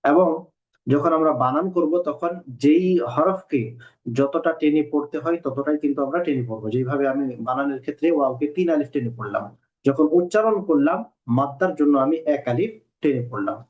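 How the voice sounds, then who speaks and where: Patient man teaching, dull lo-fi sound. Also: a little high. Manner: patient, repeats rules and spells letters out slowly. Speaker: Quran reading teacher. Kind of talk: recorded online lesson. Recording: dull lo-fi recording.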